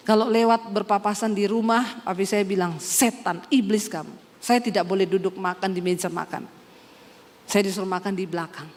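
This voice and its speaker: A woman pastor in her forties from Central Sulawesi, earnestly telling her testimony in a sermon and addressing listeners as brothers and sisters. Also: medium pitch. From Poso, Central Sulawesi, Indonesia. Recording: long hall reverb.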